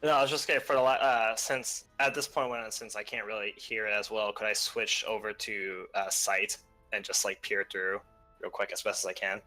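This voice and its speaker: A man's voice: on the low side, fairly even intonation, normal speed, sharp tone, soft background music, rough recording. A man playing a tabletop game, asking the game master questions in a hesitant, self-correcting way. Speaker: player. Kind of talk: casual tabletop game chat.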